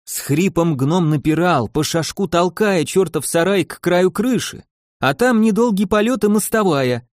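Animated male audiobook narrator. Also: high voice, moderate pace, dry recording, studio quality. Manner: lively, dramatic storytelling. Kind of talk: expressive audiobook reading.

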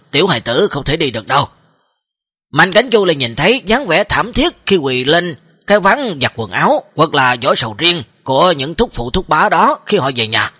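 Chatty story narrator. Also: male voice, a little high, sharp tone, husky, dry recording, clean studio sound. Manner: chatty asides to listeners.

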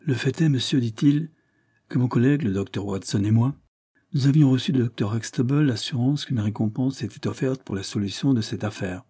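A man's voice: mid-range voice, fairly quick, dark tone, breathy edge, lightly acted. A man voicing a cool, exacting detective who speaks with cold precision in an audiobook reading. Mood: insistent.

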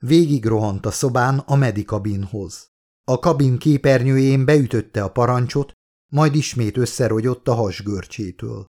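A man reading his own novel aloud as an audiobook narrator. His voice sits at a middling pitch, and he tells the story in a steady, measured way.

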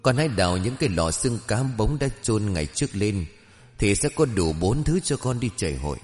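A man voicing a kindly, wise old fairy spirit who gently comforts a girl in a folk tale. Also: lowish voice, very animated, a little fast, in a large hall, faint music behind. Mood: soothing.

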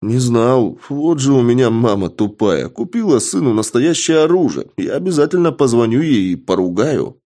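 Man voicing a cocky, excitable young suspect. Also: mid-range voice, normal speed, few pauses, pitched above the performer's own voice. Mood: mock-sorry. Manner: cheeky, rambling, mock-earnest. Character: brazen, excitable young male suspect under questioning. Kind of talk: audiobook character voice.

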